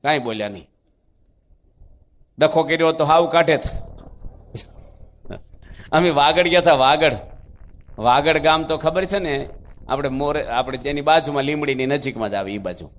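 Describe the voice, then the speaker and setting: A man's voice: on the high side, moderate pace, long pauses. A man, a monk preacher, giving a devotional sermon in a folksy, conversational storytelling manner with rhetorical questions.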